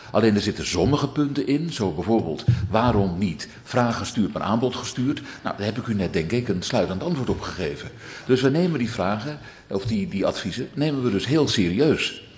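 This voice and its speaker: A man's voice: lowish voice, lively intonation, moderate pace, darkish tone. A man in the role of alderman, answering council members in a formal debate and addressing them at length. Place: council chamber.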